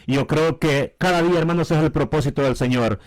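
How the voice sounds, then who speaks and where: A man co-hosting a Bible teaching with his wife, speaking slowly and warmly addressing his listeners as brothers. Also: a little high. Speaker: pastor.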